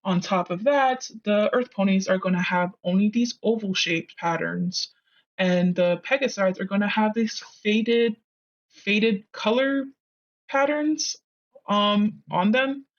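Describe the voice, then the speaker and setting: A digital artist hosting their own channel gives chatty, earnest scripted narration through a voice changer that makes them sound artificial and of ambiguous sex. The voice is medium-pitched and slow, the audio dull, with background music behind it.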